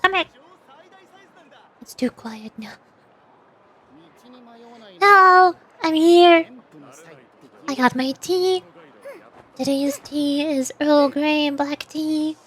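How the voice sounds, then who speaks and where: Her voice sits high and a bit bright, with drawn-out words and long pauses, while music plays behind her. She's a VTuber streaming a video game, chatting casually in a playful, rambling way and muttering asides to herself.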